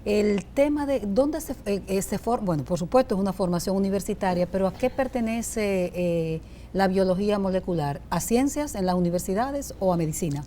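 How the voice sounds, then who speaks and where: A woman's voice: mid-range voice, expressive, moderate pace, dark tone, a little hiss or hum. A woman hosting a health talk show, speaking conversationally and correcting herself often. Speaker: host.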